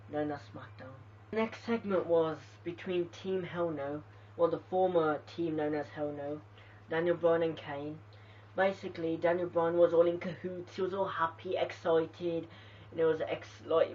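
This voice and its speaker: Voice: mid-range voice, a little mellow, a little hiss or hum. A reviewer giving a casual, rambling spoken recap of a wrestling show, full of "like" and "you know". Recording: distant dull lo-fi mic.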